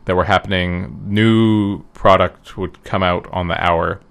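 A man's voice: low-pitched, steady tone, unhurried, gravelly, a bit bright, clean tone. A man chatting casually, rambling and hesitant, full of ums and restarts. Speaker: guest recounting an event. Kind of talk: casual chat.

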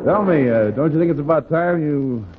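A man working as a radio announcer and straight man, husky, in an old-time announcing and banter style. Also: fairly high pitch, moderate pace, heavy background noise. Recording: tinny old radio recording, faint crowd.

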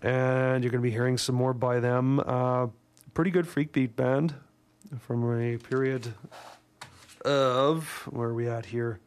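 A man with a gravelly whiskey voice from a cold, casually presenting a music show on the radio in a wry, rambling way. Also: mid-range voice, fairly even intonation, a little slow. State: getting over a cold. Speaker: radio host. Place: radio studio.

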